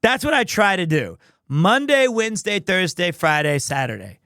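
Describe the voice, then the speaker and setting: Guy streamer with a highish voice, dry close sound, rambling playful chat with viewers. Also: very animated, moderate pace, pushed and bright, no room sound. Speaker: livestream host, amateur voice actor.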